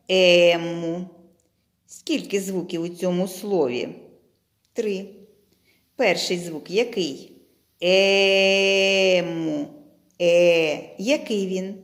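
A woman teaching a literacy lesson to young children, speaking clearly and stretching her words out. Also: on the low side. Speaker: primary school teacher.

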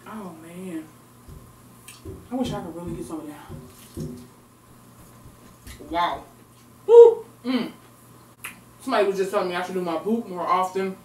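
Eating on camera in her home recording room, a young woman does a casual mukbang vlog, chatting expressively between murmured eating sounds. She speaks quickly in a lowish voice but leaves long pauses, over slight background noise. The camera mic sits at a distance, and the room is echoey, so she comes across as far away.

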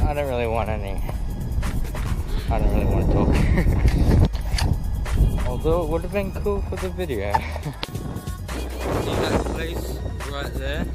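An Australian teenage vlogger narrates casually into an action camera, held in hand or on his head, while exploring a windy waterfront, adding hesitant asides and little laughs. His medium-pitched voice comes through a rough recording with wind noise and music underneath.

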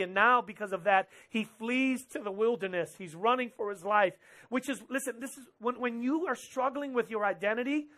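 High, bright-voiced young pastor preaching. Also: male voice. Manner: animated, gesturing preacher with quick quoted asides. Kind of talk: sermon. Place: church stage with drum kit behind, indoors.

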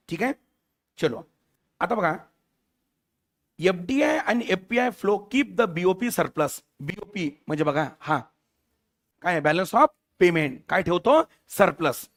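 A male teacher giving a lecture for competitive exams, firing questions at his students and mixing English terms into his talk. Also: sits high.

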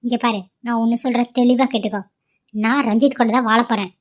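A woman's voice: on the high side, fairly even intonation, fast talker, natural voice. A woman voicing a stubborn, devoted young wife in a cartoon, pleading and insistent. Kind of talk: cartoon voice acting.

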